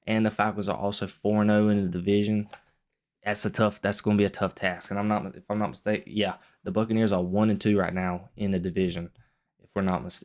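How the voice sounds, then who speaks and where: A young man with a somewhat low voice talks through a football game like a casual vlogger. He keeps his delivery restrained, as someone quiet at night while the house sleeps. He often circles back to repeat a point in slightly different words. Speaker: sports vlogger.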